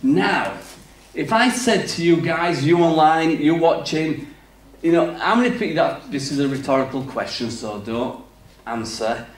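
A Yorkshire man with a fairly high voice preaches an easygoing, frank sermon, poking fun at himself as he goes. He sounds some way off from the mic, and the church space around him rings. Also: animated, unhurried. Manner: candid, self-deprecating, humorous. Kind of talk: conversational sermon. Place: church hall. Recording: roomy church sound from a distance.

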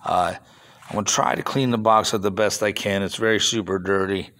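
Speaking a little fast in a low-ish, somewhat bright voice with a steady tone, a man films his toys on a handheld phone. He's a reseller showing flea market finds at an indoor table of toys for a casual off-camera show-and-tell vlog. His chatter rambles, sprinkled with mild grumbling.

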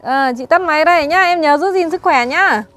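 A woman's voice: high-pitched, a little fast, a bit bright, faint music behind. A young woman vlogger chatting on a family video call, coaxing with short repeated questions and lots of fillers. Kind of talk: casual chat.

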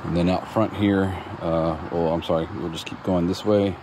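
Walking his own construction site with a phone camera in hand, a homeowner with a very deep voice narrates a relaxed, plain-spoken tour. He keeps a moderate pace but stops often for ums and restarts. Steady outdoor noise is clearly audible behind him.

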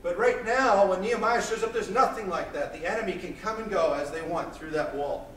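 A man in his thirties preaching a sermon, pacing the stage of a small church with intense, loud delivery. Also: high voice, a little fast, slight background noise. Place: small church hall, indoors. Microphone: far camera, room mic. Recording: echoey church hall from far off.

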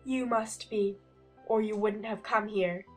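Slow-talking, mad Cheshire Cat played by a woman. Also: mid-range voice, fairly even intonation, faint music behind, close to an everyday voice. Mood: teasing. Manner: teasing, matter-of-fact riddling. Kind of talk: dramatized audiobook acting.

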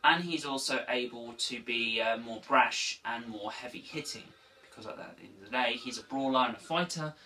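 A man talks through a game's story in a loose, rambling way, stopping and restarting his sentences as he goes. His voice is bright and forceful. He sits some distance from the microphone, so he sounds a little far off. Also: medium pitch, normal speed, few pauses. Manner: rambling, with frequent restarts and asides. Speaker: gaming video host. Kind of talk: casual unscripted game recap.

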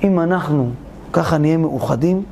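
A man, a rabbi, preaching a sermon through an animated, theatrical story, speaking directly to his listeners. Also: fairly high pitch, creaky, noisy background.

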